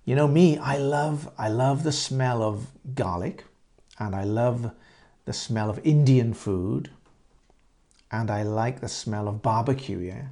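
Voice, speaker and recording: A middle-aged Englishman from Great Britain teaches English by asking and answering conversation questions, repeating phrases slowly for learners. His voice is medium-pitched and mellow.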